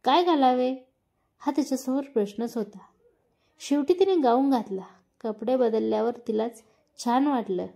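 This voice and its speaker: A woman reading a family romance story aloud, giving the characters' lines small lifts in pitch. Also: normal speed, vocal fry, long pauses, warm tone. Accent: Marathi.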